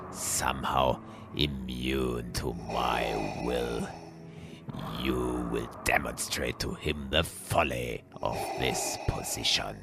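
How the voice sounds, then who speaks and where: Creaky, sinister old emperor. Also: male voice, rumbling low, full character voice. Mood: commanding. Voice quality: gravelly, creaky. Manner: slow, deliberate, gloating. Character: sinister old male emperor, manipulative and menacing. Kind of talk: dramatized villain dialogue in audio story.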